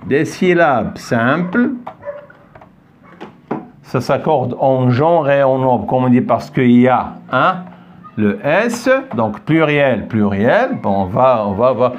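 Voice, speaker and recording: A man's voice: mid-range voice, animated, slow, slight background noise. An older man teaching a French pronunciation lesson, patiently repeating himself, checking that everyone follows and quizzing a young pupil. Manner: questions and praises a child pupil.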